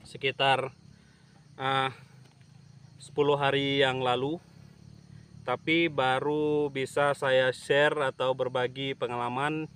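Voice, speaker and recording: Slow, halting man vlogging outdoors. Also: medium pitch, fairly bright tone, slight background noise. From Indonesia. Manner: slow, halting with many fillers. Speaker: YouTube channel owner. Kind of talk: casual vlog talk to camera. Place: outdoors at an oil palm plantation. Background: insects and rural outdoor ambience.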